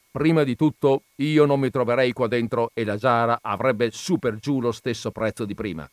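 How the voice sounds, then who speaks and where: A man voicing a sly, stubborn tinker who talks in a slow, placid drawl. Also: mid-range voice, no room sound, lightly acted.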